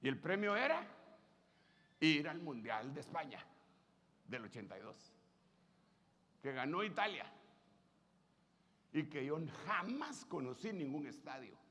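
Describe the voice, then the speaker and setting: A Honduran man in his sixties, a pastor preaching a sermon by telling stories, animated and joking as he acts out the people he quotes. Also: on the high side, unhurried, pauses often. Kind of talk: storytelling sermon.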